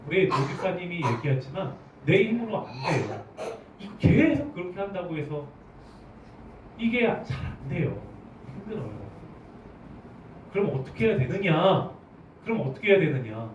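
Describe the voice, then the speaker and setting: A man preaching a sermon as pastor, animated, putting questions to his congregation. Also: a little high, slight background noise. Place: church hall. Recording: roomy, distant, dull church recording.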